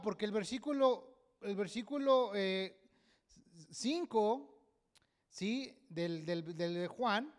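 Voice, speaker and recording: A pastor preaches at a church service, his voice pitched high for a man. He talks emphatically and keeps checking in with his listeners with a questioning "right?". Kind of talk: sermon.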